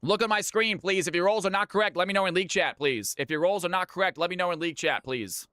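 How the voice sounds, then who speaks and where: A man with a bright, forceful, slightly high voice hosts a livestream for a gaming community. He talks informally to his viewers and calls out lobby announcements, often saying things twice. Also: fast, no echo, studio quality. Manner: chatty, informal, repeats phrases, addresses viewers as folks and big dog. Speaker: livestream host running community custom games.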